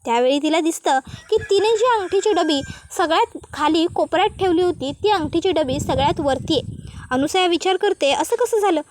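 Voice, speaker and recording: A woman's voice: very high voice, normal speed, slight background noise. A woman narrating a recap of a TV serial episode, retelling it steadily with many linking phrases. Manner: steady retelling with frequent connectives. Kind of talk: scripted story recap narration.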